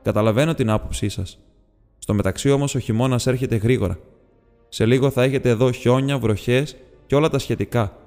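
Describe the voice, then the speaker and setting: A man's voice: medium pitch, darkish tone, close to an everyday voice. A man reading the part of a polite, businesslike male hobbit burglar in an audiobook, speaking in a courteous, precise and slightly formal way. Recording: long reverb with faint music.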